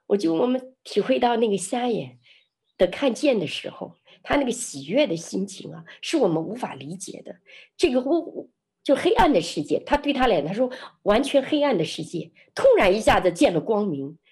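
Middle-aged woman guest, husky voice, sweeping intonation, vivid storyteller. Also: a little high, fairly quick. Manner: expressive, lively storyteller who laughs often. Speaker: interview guest. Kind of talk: animated testimony storytelling.

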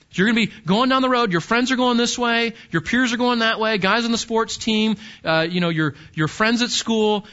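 A pastor delivers his sermon in a high, bright voice, talking with the congregation rather than at them. The recording is dull and muffled. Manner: conversational, asks the congregation questions.

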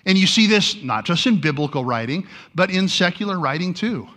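Bright-voiced man teaching a sermon. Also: high voice, lively intonation, brisk. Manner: conversational, restarts often, wry asides to the congregation. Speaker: pastor.

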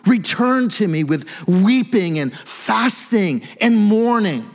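A man's voice: sits high, lively intonation, slow pace. A middle-aged man preaching a sermon as a pastor, fervent and exhorting, in an informal, conversational way with repeated phrases for emphasis.

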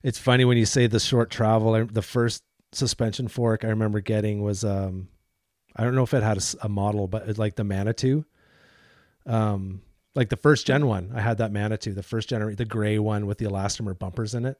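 A man's voice: lowish voice, fairly even intonation, a little fast, a little mellow, no echo, studio quality. A man hosting a casual interview, laid-back and slangy, reminiscing and asking questions. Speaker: podcast host.

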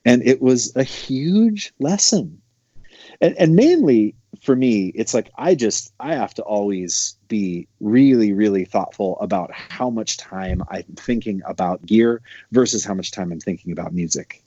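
A man in his thirties from Montana, a bass player talking loosely with lots of fillers. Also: expressive, measured pace, dark tone, breathy edge, dry recording, lo-fi sound. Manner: loose, rambling storytelling with many fillers. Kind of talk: casual conversation.

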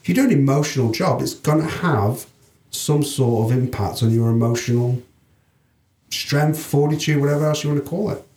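A man in his forties talking frankly as a podcast guest, swearing freely and laughing easily. His voice sits at an ordinary middle pitch. The room around him is noticeably echoey. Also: normal speed, darkish tone. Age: 40s. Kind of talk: candid conversation.

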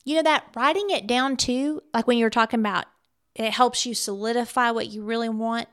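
A woman's voice: fairly high pitch, fairly even intonation, brisk, a bit bright, clear, resonant tone. A woman co-hosting a casual chat, supportive, with frequent affirmations. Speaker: podcast co-host.

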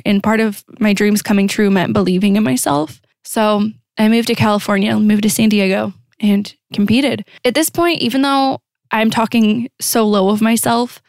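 A woman's voice: medium pitch, dry recording, clean studio sound. A young woman telling a candid, self-deprecating personal story to camera, with many restarts. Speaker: vlogger.

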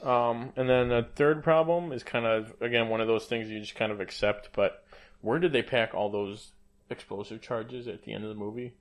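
A man co-hosting a relaxed movie review podcast. He speaks at a middle pitch, laughs a lot, and jumps into higher voices when he acts out lines from films. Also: normal speed. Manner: laughs often, acts out quotes. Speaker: podcast co-host. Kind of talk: casual movie review chat.

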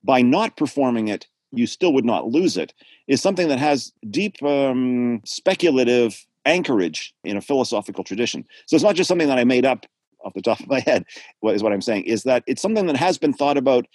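His voice sits mid-range and his pace is brisk, in a dry recording. Calling in on video from home as an art theorist guest, the man gives a long, reflective, lecture-like talk, wandering into digressions with thoughtful, lively intonation.

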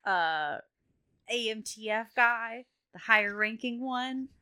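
A woman's voice: on the high side, animated, slow, bright, forceful tone, smooth. A woman playing a tabletop game, giggly and casually swearing. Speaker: player.

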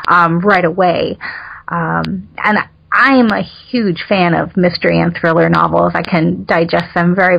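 Woman, novelist guest, chatty, fillers, gravelly, muffled lo-fi recording. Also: lowish voice. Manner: chatty, laughs often, many fillers. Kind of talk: casual interview chat. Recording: muffled lo-fi audio with faint noise.

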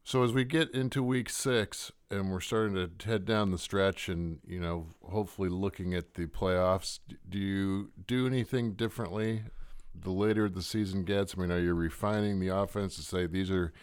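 A man's voice: sits low, steady tone, moderate pace, clear, resonant tone. A man hosting a casual sports interview, asking chatty, jokey questions. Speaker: interview host.

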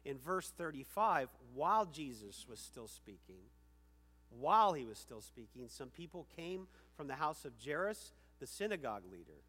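A man preaching a sermon as a pastor, emphatic, swinging between loud stresses and quiet asides and asking the listeners questions. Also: medium pitch, very animated, moderate pace, slightly rough. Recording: reverberant hall.

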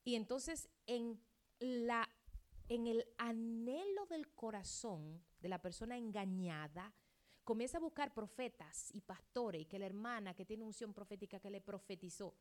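A middle-aged woman pastor preaching a sermon, acting out quoted dialogue and swinging between loud outbursts and hushed asides. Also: a little high, animated, a little slow.

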